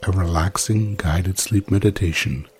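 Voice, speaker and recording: In a low voice, a man narrates a guided sleep meditation in the style of a sleep story, soothing and unhurried, leaving long pauses between phrases.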